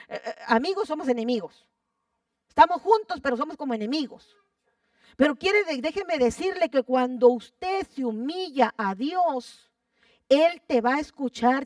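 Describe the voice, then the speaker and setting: A woman preaches to her church with fervor and a fairly high voice, often repeating her words and asking the congregation questions. She sounds set back from the microphone. The sound is dry, with little echo. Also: far from the mic. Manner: fervent, repeats phrases for emphasis, asks the congregation questions. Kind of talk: sermon. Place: church sanctuary.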